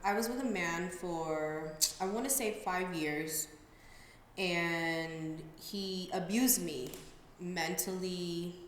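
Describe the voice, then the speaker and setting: A woman's voice: fairly low pitch, slow pace. A woman boxing coach, a guest on a podcast, talking candidly and easily about her own past in a casual interview. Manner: candid, talks openly and easily about hard personal history. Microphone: sits at a table mic in a podcast studio. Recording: very echoey room, faint background hiss.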